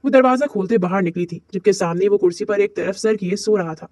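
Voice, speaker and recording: A man narrating an audio novel in a steady storytelling way. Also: high voice, brisk, no echo.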